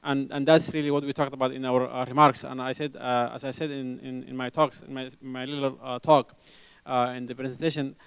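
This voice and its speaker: A man from Somalia speaking as a conference panelist. He answers haltingly, with many repeated restarts and fillers. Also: medium pitch, level tone, creaky, clear, resonant tone, no echo. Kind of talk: panel answer to an audience question.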